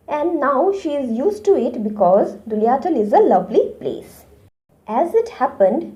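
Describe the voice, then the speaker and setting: A woman teaches an online class, explaining words and speaking directly to young pupils. Her voice is high and animated with a mellow tone. The recording sounds dull and lo-fi. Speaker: English teacher.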